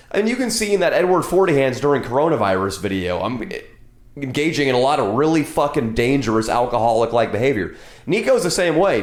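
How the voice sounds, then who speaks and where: A man's voice: medium pitch, reverberant. A man talking casually as a podcast host, telling stories bluntly and with swearing. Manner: blunt, profane. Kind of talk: casual chat, storytelling.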